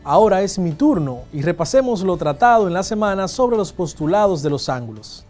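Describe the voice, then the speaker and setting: A man's voice: sits high, very animated, fairly quick, a little mellow. A man teacher giving a scripted lesson and asking the student rhetorical questions. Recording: faint background music.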